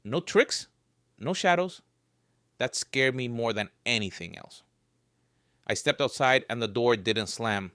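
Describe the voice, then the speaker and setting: In an unhurried, smooth delivery with long pauses, a man narrates his own creepy survival story, keeping a dry, joking tone through its darkest stretches. His pitch sits at an everyday middle level, and the close recording is dry, with no echo.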